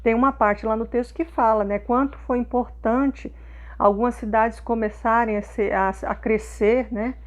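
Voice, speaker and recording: A woman's voice: a little high, fairly even intonation, moderate pace. A woman teacher patiently walks young pupils through schoolwork, often checking in with short questions.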